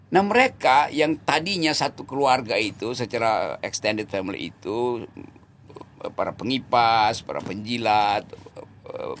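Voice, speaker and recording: With a mid-range, creaky, slightly bright voice and a little hiss or hum on the recording, a man speaks as a political commentator in an interview. He's mocking and sarcastic, breaks into laughter mid-sentence, and repeats and corrects himself as he looks for words.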